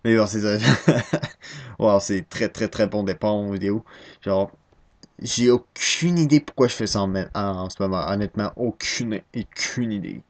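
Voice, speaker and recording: A 19-year-old man from Quebec, Canada, with a Québécois French accent, rambles casually into his webcam at home as a first-time vlogger. He's hesitant and self-deprecating, stumbling and restarting often. His voice is on the low side with a darkish tone, at a normal speed.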